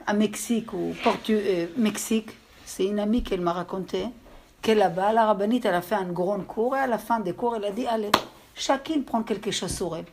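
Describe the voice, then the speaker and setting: A woman with an accent giving a religious lesson to a group, telling stories in a halting way and often checking that her listeners understood. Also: medium pitch, creaky, a little mellow, a little hiss or hum. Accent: speaks with an accent. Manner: storytelling, with halting restarts. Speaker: religious teacher. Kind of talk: lecture to a group.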